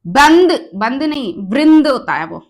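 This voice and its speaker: A woman's voice: high voice, sing-song, unhurried. A woman teacher giving an exam-prep grammar lesson, repeating each word and quizzing her students on the right form.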